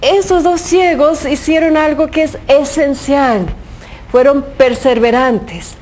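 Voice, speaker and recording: High-voiced woman giving a fervent gospel reflection. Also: slow pace, a little mellow, a little hiss or hum. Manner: earnest, fervent, many rhetorical questions. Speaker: religious speaker reflecting on the Gospel.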